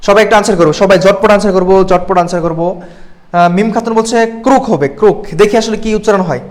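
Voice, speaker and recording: A young Bangladeshi man with a high-pitched voice tutors students for admission exams in a live online class. He moves quickly, asking questions and checking in with the class often.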